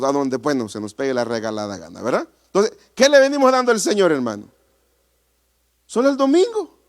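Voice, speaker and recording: A man preaching a sermon as pastor in a church, animated, asking the congregation rhetorical questions. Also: on the high side.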